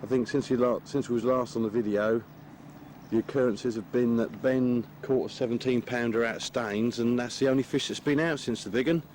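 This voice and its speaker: Relaxed man's lakeside video diary. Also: brisk, a little hiss or hum. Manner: relaxed, low-key, rambling chat. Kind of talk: casual outdoor video diary. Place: outdoors by a lake.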